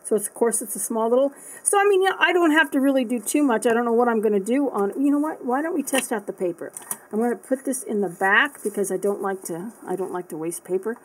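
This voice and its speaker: A woman with a slightly high voice talks her way through an unboxing video. She rambles and thinks aloud, trailing off and restarting with plenty of fillers in a casual, unscripted way. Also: animated, fast talker, breathy edge, rough recording. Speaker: art supply unboxing vlogger.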